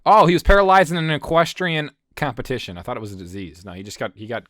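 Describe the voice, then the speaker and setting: A man's voice: mid-range voice, fast talker, a bit bright, no echo. Joking man on a podcast, dry sound. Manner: joking, irreverent, laughs often. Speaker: podcast co-host. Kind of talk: casual podcast chat.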